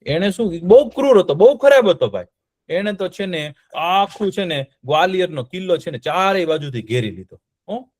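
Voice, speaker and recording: A man's voice: sits high, animated, normal speed, darkish tone, dry recording, studio quality. A man telling a history story to children, often stopping to quiz them with check-in questions.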